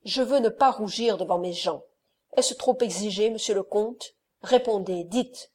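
A woman reading the part of a young wronged countess in an audiobook, with a firm, measured voice. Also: mid-range voice, darkish tone, lightly acted.

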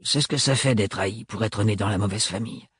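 A man reading an audiobook voices a brash young woman mechanic who talks gruff and slangy, in a husky voice. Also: lowish voice, fairly quick, a bit bright, no echo, studio quality. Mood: earnest.

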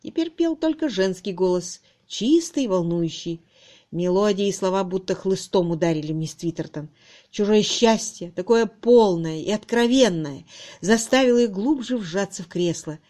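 A woman narrating a novel in an audiobook, with measured, expressive reading. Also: medium pitch. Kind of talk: scripted narration.

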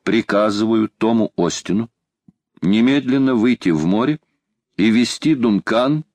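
Man doing a wounded lord, commanding, formal dictation, low voice, dry sound. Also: normal speed, a little mellow, no room sound, lightly acted.

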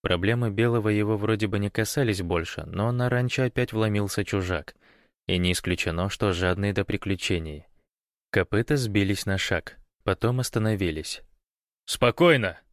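Male audiobook narrator, low pitch, dry close sound. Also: moderate pace, no room sound.

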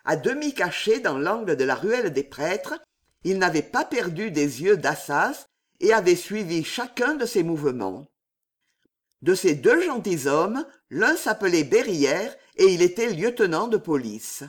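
Slow high-voiced guy reading a novel aloud, dramatic audiobook style. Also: big pitch swings. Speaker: audiobook narrator. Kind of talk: scripted narration of a novel.

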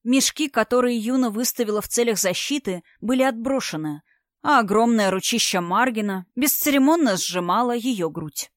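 A woman narrating a novel in an even, storytelling manner as an audiobook reader. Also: on the high side, normal speed, dry recording, studio quality. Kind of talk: scripted narration.

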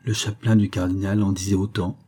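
A man narrating a history book as an audiobook, in a measured, even reading. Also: sits low, slightly rough.

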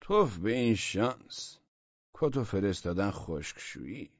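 Guy doing a pompous minister, drawls, husky, dry sound. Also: fairly low pitch, wildly swooping pitch, dry recording, lo-fi sound, exaggerated voice. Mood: commanding. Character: self-important male government minister, forgetful.

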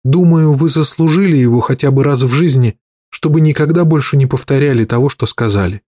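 A man reading an audiobook and voicing a calm, determined young woman who keeps asking pointed questions. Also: mid-range voice, fairly quick, dry recording, clean studio sound, natural voice. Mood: earnest. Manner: earnest, persistent questioning.

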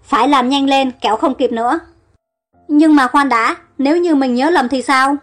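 A woman reading a story aloud in a steady, even storytelling manner. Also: sits high, normal speed, faint music behind. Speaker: audiobook narrator. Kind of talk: scripted story narration.

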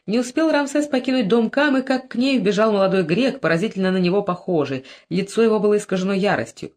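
A narrator reading a historical novel in an even, measured storytelling voice. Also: mid-range voice. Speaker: audiobook narrator. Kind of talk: literary narration.

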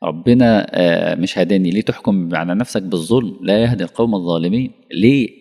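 Fast-talking Egyptian preacher in a reverberant hall. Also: male voice, low voice, breathy edge. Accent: Egyptian Arabic. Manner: animated, rhetorical questions, acts out dialogue. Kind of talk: colloquial religious lesson.

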